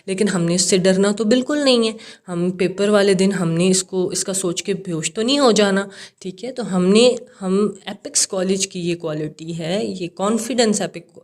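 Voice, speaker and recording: A young woman English teacher with a Pakistani accent, walking students through an exam paper and checking in often to be sure they follow. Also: medium pitch. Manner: mixes English terms into Urdu, frequent "theek hai" check-ins.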